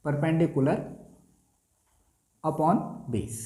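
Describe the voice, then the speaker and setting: A man teaching a maths lesson at a board, repeating each key term slowly and asking himself the answer aloud. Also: on the high side, darkish tone. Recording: roomy echo.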